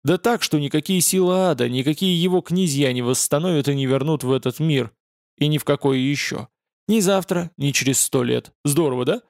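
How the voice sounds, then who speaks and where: A man's voice: on the high side, dry recording, close to an everyday voice. A cruel, sardonic fallen angel from a fantasy audiobook, as a man puts him on. He drawls his threats with studied indifference and a mocking edge. The sound is dry and close to the mic. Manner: mocking, deliberately casual.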